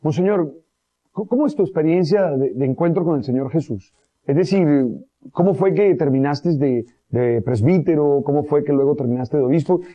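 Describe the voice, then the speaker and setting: Priest host with a high, mellow voice, cordial and pastoral, on a dull lo-fi recording. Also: male voice, normal speed. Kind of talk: religious talk show interview.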